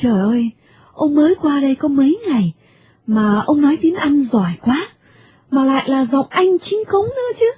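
A woman's voice: high voice, lively intonation, brisk, breathy edge, no room sound, exaggerated voice. A woman voicing a cheerful, gushing middle-aged American woman in a radio play, over a tinny medium-wave broadcast. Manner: gushing, bubbly.

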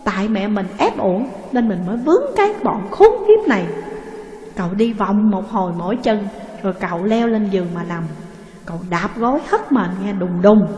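A woman reading a story aloud with steady, expressive narration. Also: medium pitch. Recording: echoey room with long reverb.

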